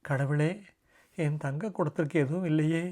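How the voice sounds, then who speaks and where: A man's voice: on the high side, fairly even intonation, normal speed, a little mellow, pitched above the performer's own voice, natural voice. A man voicing a household woman who cares for a small boy and scolds him. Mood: fussing.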